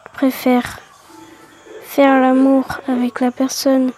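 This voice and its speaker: A woman's voice: high-pitched, completely flat delivery, slow pace, mellow, faint music behind. A woman hosting a casual gaming video, reading quiz questions aloud and answering them offhandedly, often half-whispering. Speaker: video host.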